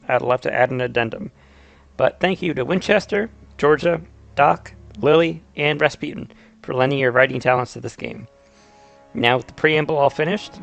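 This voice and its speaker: In a mid-range, creaky voice, a YouTuber who explains video games narrates a video essay, blending storytelling with casual asides. It's semi-scripted retelling and commentary delivered conversationally.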